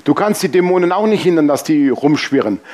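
A man's voice: fairly high pitch, brisk. A man preaching a sermon, telling personal stories with humor and speaking straight to the congregation. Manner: lively, humorous storytelling, addressing the congregation directly.

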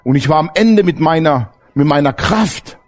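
A man preaching a sermon, blunt and earthy, swinging between loud emphatic outbursts and hushed low passages. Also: animated, normal speed. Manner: blunt, earthy everyday language. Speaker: pastor.

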